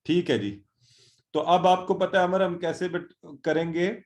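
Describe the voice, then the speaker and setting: A man teaching an online Quran class, encouraging students and drilling words slowly. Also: high-pitched, steady tone.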